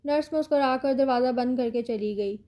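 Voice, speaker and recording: A woman narrating a romantic novel in a steady, even storytelling read. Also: high voice, muffled recording. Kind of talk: scripted audiobook narration.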